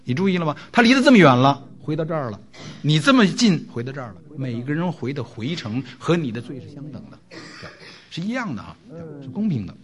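A man preaching a sermon, telling a story with animated delivery, frequent rhetorical questions and filler words. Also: a little high, quick pace. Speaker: pastor.

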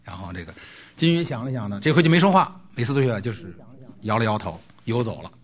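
A man preaching a sermon, telling a story with animated delivery, frequent rhetorical questions and filler words. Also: on the low side, fast. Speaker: pastor.

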